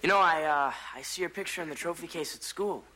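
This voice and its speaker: A man with an American accent playing a polite, flattering teenage athlete in a sitcom, courteous and low-key. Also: fast, natural voice. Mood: eager to please. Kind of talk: television sitcom acting. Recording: noisy television sitcom soundtrack.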